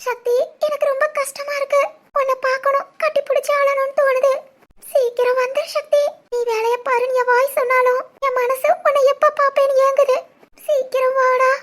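A woman voicing a heartbroken young wife in an animated family drama, with a very high, tearful voice and a Tirunelveli Tamil accent. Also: a little fast.

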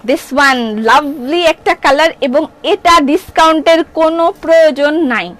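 A middle-aged woman with a Bangladeshi accent, running a live clothing sales stream, talking fast and playfully while reading viewer comments. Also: high voice, fairly bright tone. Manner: fast, chatty, playful, reads comments aloud. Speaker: shop owner selling clothes on a live stream.

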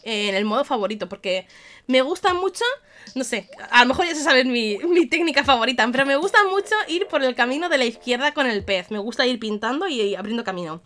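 Young woman, Spain Spanish accent, very high lively voice, gaming commentary, excitable, laughs a lot. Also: fairly quick. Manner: excitable, laughs often, shouts warnings. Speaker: gaming YouTuber. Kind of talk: live gameplay commentary.

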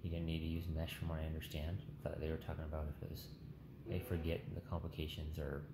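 A man in his thirties giving a casual, halting update in a weak, tired, subdued way after surgery, with a sore throat. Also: rumbling low, monotone. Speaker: patient vlogger. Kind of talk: casual recovery update, talking to camera. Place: small hospital room, lying in bed. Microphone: phone held at arm's length. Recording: roomy, noisy phone recording in hospital room.

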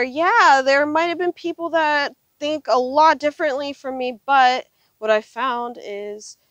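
Her voice sits on the high side and is a bit bright, with no room sound. She's a woman in her thirties who travels full-time by RV, speaking earnestly and reflectively as the guest in a casual, conversational interview. The clip is captured outdoors on an open desert gravel lot through a clip-on lapel mic.

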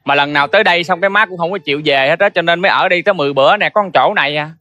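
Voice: mid-range voice, racing, dry recording, muffled recording, lightly acted. An actor playing a weary Southern older son. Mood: coaxing. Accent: Southern Vietnamese. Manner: coaxing, exasperated, turns to anguished shouting. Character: dutiful older son, weary but patient. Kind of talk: cải lương stage acting. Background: music.

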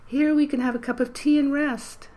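High quavery old lady voice, as an audiobook narrator puts it on, a young man in disguise, doddering and fussy. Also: fairly even intonation, moderate pace, dark tone, slight background noise, lightly acted. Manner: doddering grandmotherly fuss. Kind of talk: audiobook character voice.

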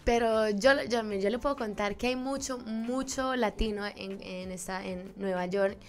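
A woman's voice: medium pitch, unhurried. A woman in her twenties from Colombia with a Paisa accent, a singer talking as a guest in a studio interview at a mic. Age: 20s. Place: small studio, indoors. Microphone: studio mic on a stand.

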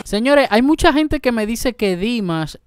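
A young man hosting a reaction video, talking casually and excitedly, breaking into exclamations and calling out to his viewers. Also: very high voice, unhurried, soft background music.

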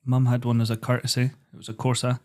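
Young man, podcast guest, mid-pitched, calm and easygoing storyteller. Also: quick pace. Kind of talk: casual chat.

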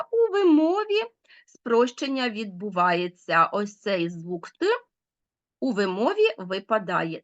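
A woman's voice: mid-range voice, a bit bright. A woman teacher giving a recorded language lesson to schoolchildren, patiently explaining and asking them questions. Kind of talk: online language lesson for children.

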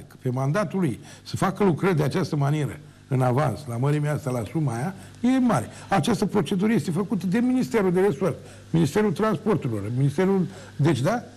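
A man's voice: a little high, creaky, a little mellow, slightly rough. An older man, a former mayor, ranting emphatically on his own TV show, repeating words for force. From Romania. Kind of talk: heated televised monologue.

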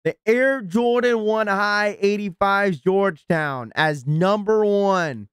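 A man's voice: high-pitched, takes it slowly, a bit bright, clear, resonant tone, no echo, studio quality. A man live-streaming, reacting in an exasperated, ranting way and thanking subscribers as he talks to his viewers.

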